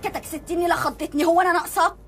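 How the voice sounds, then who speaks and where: A woman's voice: very high-pitched, steady tone, rapid-fire, over music. An actress with an Egyptian accent playing a sassy, bickering young woman. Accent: Egyptian Arabic. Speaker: actress in amateur comedy film.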